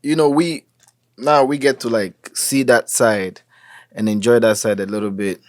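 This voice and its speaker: Here a young musician from Nigeria, speaking with a Nigerian accent, talks easily as a guest in an interview, often dropping into Pidgin and peppering his speech with "you know." His pitch is medium and his speed normal. It's studio-quality audio without any room sound.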